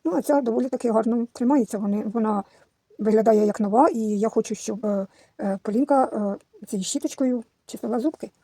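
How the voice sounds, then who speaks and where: A woman's voice: fairly high pitch, fairly quick, warm tone, breathy edge, no room sound. A middle-aged woman vlogging at home, cooing doting baby talk to a reborn doll. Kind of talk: casual vlog with a reborn doll.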